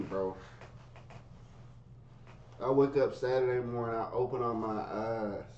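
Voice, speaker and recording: A man telling a story in casual, profane street slang, swinging from low mutters to high yelps. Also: slight background noise. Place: his bedroom. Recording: roomy, dull lo-fi sound.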